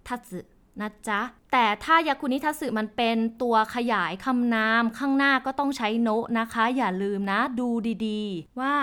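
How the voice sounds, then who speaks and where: A woman's voice: a little high, fairly bright tone, clean tone. A young woman hosting a podcast and explaining each point step by step in a chatty, casual way. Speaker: language podcast host. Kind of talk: casual spoken lesson.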